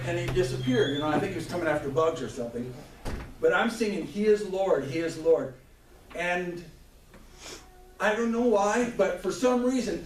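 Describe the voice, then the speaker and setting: Man, slightly high voice, fervent church testimony, miked from afar in a roomy hall. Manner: fervent storytelling with restarts and chuckles. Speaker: church member giving testimony. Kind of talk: spoken testimony before a congregation. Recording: echoey room mic from far off, faint noise.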